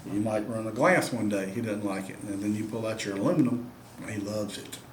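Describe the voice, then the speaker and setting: A man's voice: fairly low pitch, brisk, reverberant, slight background noise. A man giving a folksy, drawling tutorial on caring for turkey pot calls and calling y'all to the viewers. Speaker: turkey call maker and instructor. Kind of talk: demonstration tutorial.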